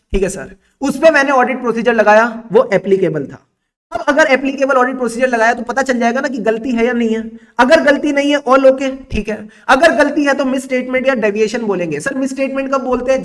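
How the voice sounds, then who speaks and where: A high-pitched man with an Indian accent, running an exam revision class. He teases his students and acts out the lesson's ideas as little dramatic characters. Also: fairly bright tone. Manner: playful, teasing, dramatizes concepts as characters. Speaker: teacher.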